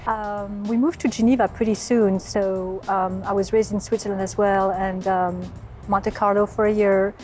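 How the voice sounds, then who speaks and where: A woman's voice: medium pitch, flat delivery, moderate pace, darkish tone, soft background music. A woman from France, an actress and voice actor, answering interview questions thoughtfully, with many fillers and restarts.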